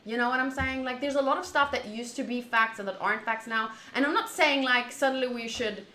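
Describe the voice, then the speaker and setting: A woman streaming a visual novel playthrough chats casually and rambles to her viewers in a bright, high voice at a fairly quick pace. She's animated and opinionated, wanders between topics, and often rephrases herself mid-thought. The room sounds echoey, with faint background noise.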